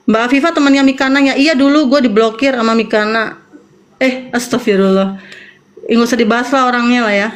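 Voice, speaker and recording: A woman's voice: a little high, steady tone, fairly quick. A woman, a guest in a casual chat, telling a personal story in slangy talk and often repeating herself.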